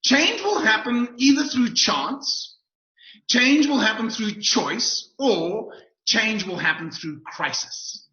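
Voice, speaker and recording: A man's voice: sits high, animated, takes it slowly, pushed and bright. A man giving an upbeat, emphatic webinar talk as a motivational speaker, repeating his key phrases over a video call. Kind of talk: webinar presentation. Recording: roomy, dull video call audio.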